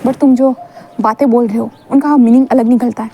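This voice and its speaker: A woman voicing a calm, dryly questioning elder brother in a told fan fiction story. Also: a little high, fairly quick, slight background noise, natural voice. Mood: wry. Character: calm wry elder brother, young man.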